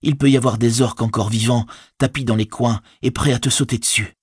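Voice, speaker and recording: A man's voice: medium pitch, steady tone, fairly quick, slightly rough, no echo, clean studio sound, pitched above the performer's own voice. A man voicing a burdened, haunted young hobbit in an audiobook, speaking intensely in a raised voice. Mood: remorseful. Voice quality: intense, despairing. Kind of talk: audiobook character voice.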